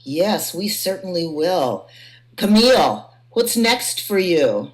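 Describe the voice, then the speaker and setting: In a low-leaning, sing-song voice, a woman moderates a panel conversation at a slow pace. She feels her way through her sentences and repeats phrases for emphasis while hosting.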